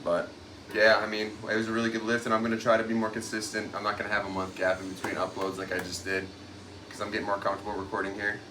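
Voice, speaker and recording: A man's voice: on the low side, monotone, fast talker, echoey room. A young man, a fitness vlogger, chatting casually to camera in a gym locker room in a noisy, distant recording.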